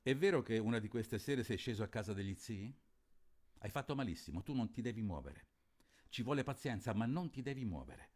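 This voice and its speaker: A man's voice: fairly low pitch, expressive, a little fast, darkish tone. A man reading the lines of a stern, anxious middle-aged father who urgently scolds his son. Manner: urgent, reproachful warnings.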